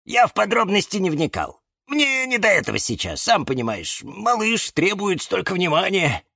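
A man's voice: sits high, huge pitch swings, normal speed, vocal fry, pushed and bright, no room sound, clean studio sound, pitched above the performer's own voice, full character voice. A man voicing a chatty, distracted male lemon in a storybook. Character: busy chatty male lemon, new father.

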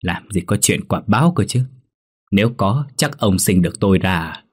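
Smug cruel rich kid, done by a guy, sneering and dismissive, husky low voice. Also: expressive, normal speed. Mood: mocking. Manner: mocking, dismissive. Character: cruel arrogant young man, the landlord's son.

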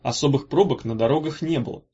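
A man narrating an audiobook in an expressive, animated reading style. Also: mid-range voice, fast, husky. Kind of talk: scripted narration. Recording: dull lo-fi recording.

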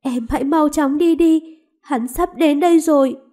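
A proud young princess pleads and defies in turn, voiced by a woman narrator. Her voice is high and impassioned, full of grief. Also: measured pace, warm tone. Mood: anguished.

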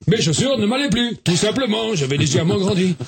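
A man's voice: high-pitched, lively intonation, quick pace, husky. A man doing a comic monologue on the radio, theatrical and full of swooning sighs. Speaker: radio comedian. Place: radio studio.

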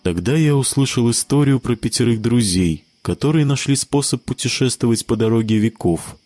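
A man narrating a story in the first person, with expressive delivery. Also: medium pitch, moderate pace, no echo, soft background music. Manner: expressive, varied intonation.

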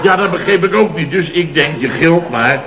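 Against crowd noise, a male actor with a slightly high voice and lively intonation speaks at normal speed in a Netherlands Dutch accent. He's a blustering, put-upon, middle-aged building contractor boss in 1970s radio comedy, recounting mishaps indignantly in long, exasperated stories. The old radio recording is dull.

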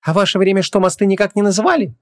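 A feisty young woman, played by a male reader speaks in a raised, lively voice with a tart, impatient edge. She sounds sharp and exasperated, a modern girl in a comic fantasy audiobook. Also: fairly high pitch, fairly quick, no echo, clean studio sound, pitched above the performer's own voice.

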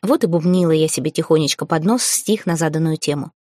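A woman narrating a first-person audiobook in a measured, wry manner. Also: sits low, mellow, dry recording, studio quality.

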